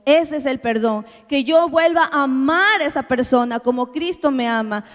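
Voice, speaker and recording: A woman with a high voice preaches earnestly to a gathering of women, sharing a personal testimony. Her words ring out with the long reverb of a church meeting hall. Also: normal speed. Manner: earnest, heartfelt preaching to the congregation. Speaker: church women's workshop speaker.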